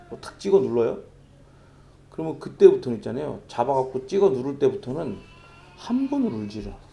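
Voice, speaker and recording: A man's voice: medium pitch, vocal fry, warm tone, slight background noise. A middle-aged man preaching a sermon as pastor, talking in a conversational, storytelling way. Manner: conversational, storytelling with vivid sound imitations.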